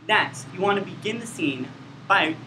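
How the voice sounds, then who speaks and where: A man performing a comedy skit, giving deadpan mock-instructional narration. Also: high voice, normal speed. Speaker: student performer. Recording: roomy, noisy room.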